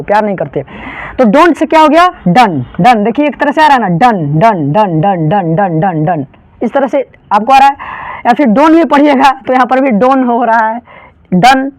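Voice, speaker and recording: A late-teen exam tutor with a very high voice and a Bihari Hindi accent explains memory tricks for exams in a chatty, repetitive way. He keeps calling listeners "babu" and drags out titles slowly. There is no echo.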